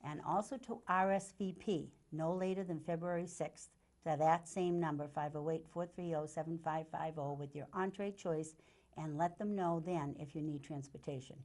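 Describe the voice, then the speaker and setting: Older woman with a lowish voice. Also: steady tone, moderate pace, a little mellow. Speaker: community show co-host. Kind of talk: casual chat and reading announcements.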